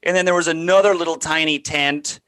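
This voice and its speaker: Male co-host, casual banter, bright tone, animated delivery. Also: brisk, clear, resonant tone. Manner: animated storytelling, jumps in pitch when quoting others.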